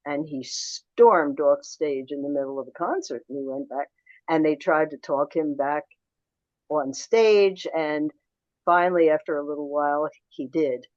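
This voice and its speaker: A woman's voice: deep voice, unhurried, darkish tone, no echo, dull audio. An older woman from suburban Philadelphia, a guest telling reflective stories in an interview. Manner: reflective, anecdotal, with restarts and quoted dialogue. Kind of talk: storytelling interview answers.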